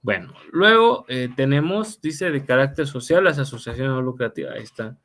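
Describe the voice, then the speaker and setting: A man's voice: medium pitch, expressive, normal speed, a bit bright. A middle-aged man teaching an online law class, talking conversationally with fillers and tag questions. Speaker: law lecturer.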